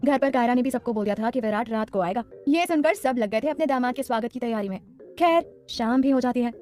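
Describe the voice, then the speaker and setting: A woman narrating a scripted audio drama in a brisk, dramatic way. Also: a little high, a little mellow. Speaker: storyteller.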